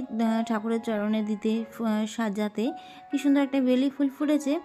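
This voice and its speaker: Homemaker in her thirties, unhurried voice-over, soft and hesitant, many "ah"s. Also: high voice. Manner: slow, soft-spoken, with many fillers. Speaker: homemaker vlogger. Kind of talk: voice-over narration of daily chores.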